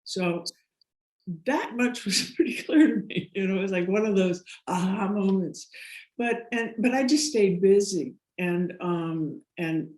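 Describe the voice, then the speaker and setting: A middle-aged American woman appears as a podcast guest, telling stories casually in an unhurried, medium-pitched voice with a darkish tone. She rambles, laughs frequently and keeps restarting, and the recording has a roomy echo.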